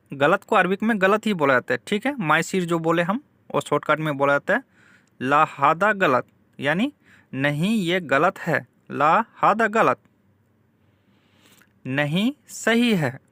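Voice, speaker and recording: A man teaching spoken phrases in a lesson, repeating each one and sounding out the foreign words slowly. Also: on the high side, sharp tone, no room sound. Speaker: Arabic language teacher.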